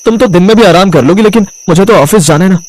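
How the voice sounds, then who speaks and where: A man's voice: sits high, fast, darkish tone, dry recording, lightly acted. A man voicing a stubborn young husband in a cartoon story, talking in an offhand, dismissive way.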